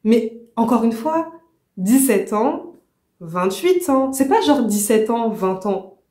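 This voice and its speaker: A woman vlogger casually reviewing a book, indignant and animated, with slangy talk. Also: on the high side, slow pace. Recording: roomy echo.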